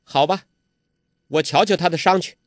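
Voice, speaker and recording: A man voicing a clever, playful young girl who talks quickly and teasingly. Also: high-pitched, dry recording, clean studio sound, voice pushed up, close to an everyday voice.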